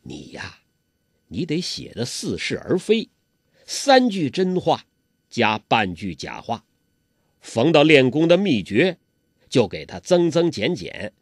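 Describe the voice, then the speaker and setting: A man's voice: mid-range voice, wildly swooping pitch, takes it slowly, breathy edge, dry recording, studio quality, exaggerated voice. A man voicing an old male beggar martial arts master with coarse, scolding, chuckling speech. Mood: gruff, scheming.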